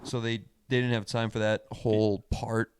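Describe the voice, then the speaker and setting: A man's voice: on the low side, little pitch movement, moderate pace, smooth, no room sound, studio quality. A young man co-hosting a podcast, rambling crudely and trailing off mid-thought in casual chat. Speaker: podcast co-host.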